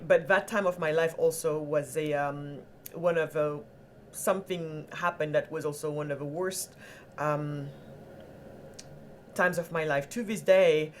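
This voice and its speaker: A woman from Senegal, a guest entrepreneur, telling her life story in an animated, earnest conversational way. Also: deep voice, a little hiss or hum. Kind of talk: conversational interview.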